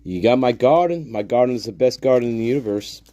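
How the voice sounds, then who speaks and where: Playing a video on his livestream, a man delivers heated, profane ranting commentary, repeating himself as he goes. His voice is mid-range and mellow, and his pace is quick.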